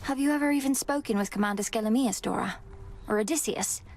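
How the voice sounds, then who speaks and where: A woman's voice: a little high, fast, very noisy, close to an everyday voice. A woman voicing an earnest young witch princess. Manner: earnest, polite. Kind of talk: video game voice acting.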